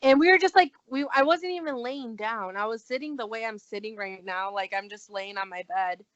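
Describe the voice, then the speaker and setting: A woman's voice: a little high, fairly quick, no room sound. A young adult woman telling a personal story in casual talk as a guest, acting out the lines she quotes. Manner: animated, acts out quoted dialogue. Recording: dull lo-fi recording.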